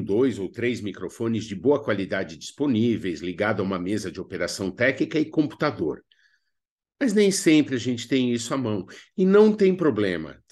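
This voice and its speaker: A man with a Brazilian accent and a lowish, slightly mellow voice teaches a radio theatre workshop lesson. He's didactic, posing rhetorical questions and then answering them himself.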